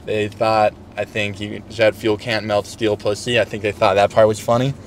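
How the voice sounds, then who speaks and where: A man's voice: lowish voice, flat delivery, normal speed, a little hiss or hum. Young man rambling crude jokes into a camera. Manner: crude, joking, recaps his jokes. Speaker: comedian vlogging an open mic night. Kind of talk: casual vlog chat. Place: bar, then parked car at night. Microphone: handheld camera at arm's length.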